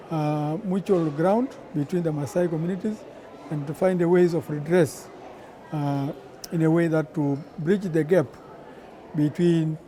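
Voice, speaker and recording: A man's voice: fairly high pitch, dark tone. A man from Tanzania, part of a Maasai delegation, explaining things in a documentary interview with hesitant fillers.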